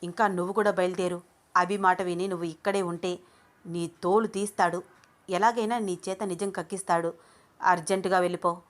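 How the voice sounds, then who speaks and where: A woman's voice: lowish voice, steady tone, brisk, lightly acted. A woman voicing Shweta, a scheming young woman who talks smugly about her plan. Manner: smug, gloating.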